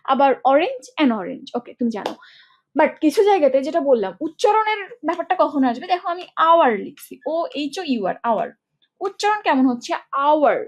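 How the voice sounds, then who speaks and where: Female English tutor, high bright voice, brisk step-by-step explainer who checks in with students. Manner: explains step by step, often checks with "ঠিক আছে?"; colloquial speech mixing in English words. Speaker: English teacher. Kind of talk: online grammar lesson.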